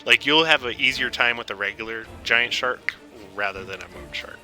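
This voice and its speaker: A man running a tabletop fantasy game as dungeon master, narrating casually and haltingly as he improvises. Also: mid-range voice, pushed and bright. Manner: halting, informal, searching for words. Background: background game music.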